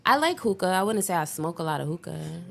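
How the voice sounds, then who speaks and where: A woman guest in a casual interview, playful and quick to laugh. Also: fairly low pitch, animated, vocal fry.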